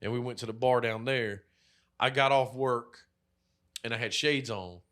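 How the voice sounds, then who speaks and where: With a medium-pitched, fairly bright voice and fairly even intonation, this man speaks at a moderate pace. He co-hosts a podcast, rambling through stories full of heavy swearing and constant "like" fillers.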